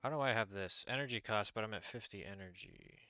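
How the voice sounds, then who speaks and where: A man streamer casually commenting on his gameplay, thinking out loud and reading in-game text aloud. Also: on the low side, a little fast, highs cut off, a little hiss or hum. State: hiccuping.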